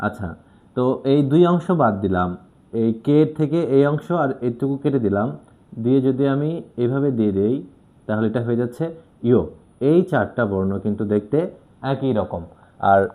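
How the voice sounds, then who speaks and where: A man's voice: medium pitch, brisk, dark tone. A man teaching Japanese letters, patiently explaining step by step as he writes them out. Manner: patient, demonstrating while writing.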